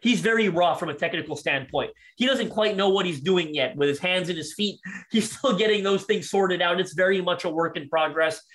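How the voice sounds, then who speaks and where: Man, high-pitched voice, excited draft analysis, slightly out of breath, stumbles and restarts. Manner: fast, enthusiastic, many restarts. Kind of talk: podcast sports talk.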